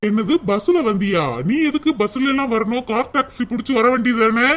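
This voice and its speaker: A man's voice: very high voice, a little fast, fairly bright tone. A man voicing a caring older brother and indulgent father in a cartoon, coaxing and fussing. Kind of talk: Tamil cartoon dubbing.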